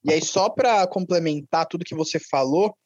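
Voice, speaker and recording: A man's voice: fairly high pitch, normal speed, darkish tone, no room sound, dull audio. A Brazilian man chatting casually and effusively about football as a co-host, often adding tag questions. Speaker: podcast co-host.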